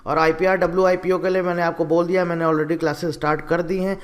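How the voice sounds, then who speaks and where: A young man with a fairly high voice gives an exam strategy lecture to his students. He speaks directly and instructively, like a coaching teacher walking the class through a plan. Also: level tone, quick pace.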